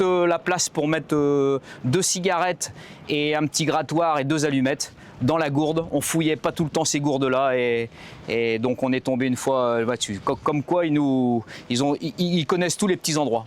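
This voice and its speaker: A man in his forties from central France, once a navy commando instructor, tells his story in a portrait interview outdoors at a harbor site. His mid-range voice is clear and resonant, and his speech is full of fillers and restarts.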